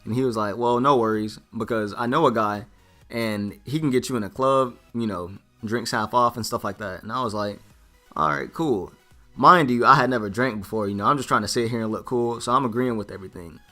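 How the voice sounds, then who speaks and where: Young man, vlogger, bright voice, casual storytelling, faint music behind. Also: mid-range voice, a little fast. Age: young adult. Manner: animated, quoting himself and others in dialogue.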